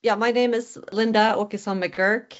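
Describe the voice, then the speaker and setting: A woman's voice: medium pitch, fairly even intonation, normal speed, muffled recording. A middle-aged woman from Sweden with a Swedish accent, speaking as an author guest in an interview and answering in an earnest, thoughtful way. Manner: earnest, thoughtful, a few restarts.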